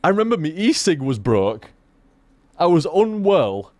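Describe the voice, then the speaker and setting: A man rambles over gameplay in loose, animated commentary, swearing freely as he goes. His voice sits a bit high and sounds close and dry, with no room around it. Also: unhurried, no echo. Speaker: gaming commentator.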